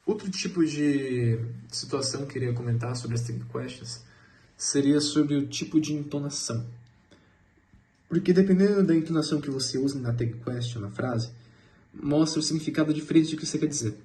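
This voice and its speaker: A man's voice: on the high side, moderate pace, mellow, slight background noise. A man explaining English grammar in a loose, searching way, with many restarts. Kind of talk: explaining grammar in a class presentation.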